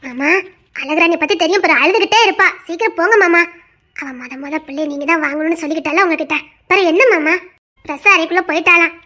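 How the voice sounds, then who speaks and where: A woman's voice: very high voice, fast, bright, forceful tone. A young woman with a Tirunelveli Tamil accent playing an eager family girl who keeps urging her uncle to hurry. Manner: urging, insistent.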